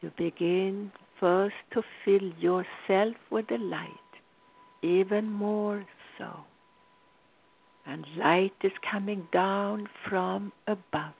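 A woman's voice: medium pitch, steady tone, slow, gravelly, slight background noise. A woman leading a guided meditation in a soothing voice that drifts into whispers. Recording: tinny phone-like sound.

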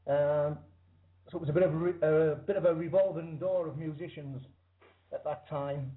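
A man's voice: a little high, fairly even intonation, moderate pace, phone-quality sound. A man with a British accent, a musician giving a casual call-in interview. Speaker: interview guest, band musician. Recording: thin internet call line.

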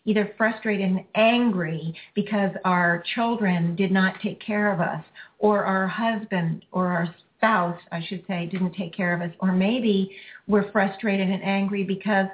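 A woman hosting a healing show, leading a caller through a release in slow, soothing, repetitive phrases. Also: medium pitch, steady tone. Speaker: energy healing radio host. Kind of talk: guided healing session with a caller. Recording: phone-like lo-fi audio.

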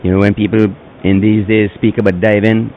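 A man's voice: on the low side, flat delivery, a little fast, highs cut off, a little hiss or hum. Older man telling his story. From Bequia, Saint Vincent and the Grenadines. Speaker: turtle sanctuary keeper, interviewee. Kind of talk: interview answers.

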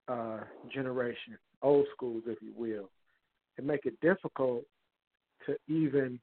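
A man calling in to a church prayer group over the phone on speakerphone, talking in a halting way and repeating himself. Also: medium pitch. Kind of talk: casual church prayer-call sharing. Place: a bathroom, away from family. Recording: tinny speakerphone line.

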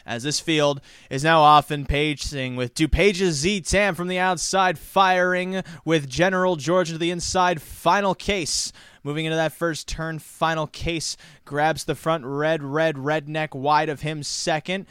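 A man's voice: on the high side, steady tone, a little slow, fairly bright tone, smooth, no echo, clean studio sound. A man calling a horse race as a race caller, in a flowing commentary that builds steadily. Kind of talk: race caller commentary during races, casual handicapping talk otherwise.

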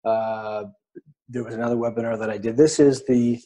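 A man's voice: mid-range voice, steady tone, normal speed, dark tone. A man teaching a live webinar in a conversational way, demonstrating on an anatomy model as he explains. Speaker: webinar instructor.

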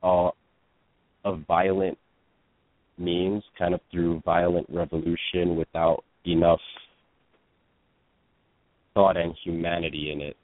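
A man's voice: deep voice, level tone, takes it slowly, pauses often, no room sound. A man, an actor and producer, explaining his work earnestly in an interview. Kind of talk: interview answers. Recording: phone-like line, dry.

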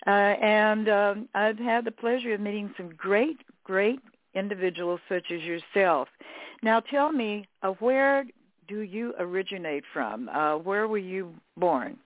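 A woman's voice: mid-range voice, measured pace, dry recording. Female radio host on a tinny, dry phone line; chatty and rambling. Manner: warm, rambling, with fillers. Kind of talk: radio interview.

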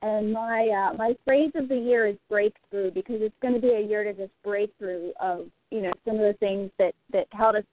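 A woman's voice: medium pitch, steady tone, moderate pace, hardly any pauses, dry recording. Podcast guest, woman, muffled through-a-wall sound on a tinny speakerphone line, hesitant delivery, dry. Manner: hesitant, many restarts. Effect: muffled, as if heard through a wall. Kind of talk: casual interview chat. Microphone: phone on speaker.

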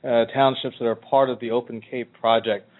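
Guy hosting an internet radio interview, halting chatty delivery, thin phone-line sound. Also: mid-range voice, flat delivery. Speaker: internet radio talk show host.

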